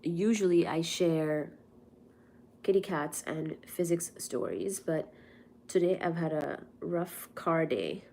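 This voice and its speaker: Slow, low-voiced woman chatting on a livestream. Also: animated, darkish tone, a little hiss or hum. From India. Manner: chatty, greets viewers and answers chat messages. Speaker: livestream host. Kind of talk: casual livestream chat.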